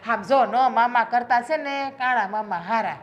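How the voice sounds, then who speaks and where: A woman's voice: a little high, dull audio, faint music behind, natural voice. An actress in her thirties with a Gujarati accent, playing a suspicious, needling young wife in a family drama. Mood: taunting. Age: 30s. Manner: needling, quick to taunt. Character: sharp-tongued suspicious young wife, woman.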